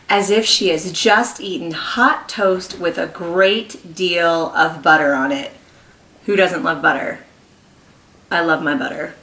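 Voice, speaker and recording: Reading a story to young children, a kindergarten teacher speaks expressively and encouragingly, stopping now and then to ask them questions. She has a lowish voice, captured by a distant mic in an echoey room.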